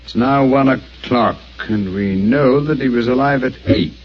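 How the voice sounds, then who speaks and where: An actor playing Sherlock Holmes, a brisk and commanding English detective, speaking in a crisp, precise and confident way in a radio drama. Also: male voice, medium pitch, close to an everyday voice. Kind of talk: 1940s radio acting. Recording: muffled old radio broadcast, faint hiss.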